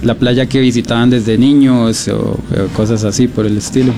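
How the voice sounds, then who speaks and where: A Costa Rican man being interviewed about his beach project, speaking thoughtfully with many pauses and restarts. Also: mid-range voice, level tone, gravelly, warm tone, a little hiss or hum. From Costa Rica. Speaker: guest, beach documentary project creator. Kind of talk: radio interview, casual.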